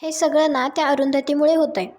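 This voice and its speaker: A woman reading out the lines of a bitter, scheming woman who faces jail and swears revenge, in a plain high recap voice. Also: flat delivery, a little fast, a little mellow, natural voice.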